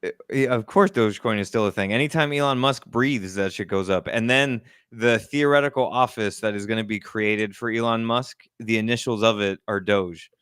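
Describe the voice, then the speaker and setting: A man's voice: fairly low pitch, a bit bright, smooth, no room sound. Wry laughing man, dry mic. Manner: wry, laughs often, quick asides. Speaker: comedy podcast co-host. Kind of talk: casual chat.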